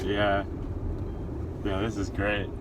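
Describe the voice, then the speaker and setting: Slow-talking man vlogging outdoors. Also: lowish voice, completely flat delivery, background noise. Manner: halting, laughs often, repeats words. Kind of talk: casual vlog chat. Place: outdoors by cars, then inside a car.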